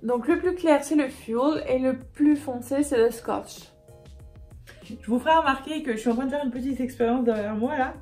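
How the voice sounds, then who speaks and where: A woman's voice: high-pitched, moderate pace, a little mellow, faint music behind. Chatty upbeat woman beauty vlogger. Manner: chatty, upbeat, with many fillers. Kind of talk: casual makeup haul chat.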